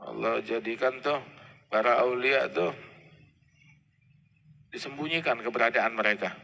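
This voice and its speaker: Preacher with gravelly voice. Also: male voice, medium pitch, measured pace, pushed and bright. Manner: conversational, acts out dialogue. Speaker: Islamic preacher. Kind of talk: sermon storytelling. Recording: reverberant hall with faint noise.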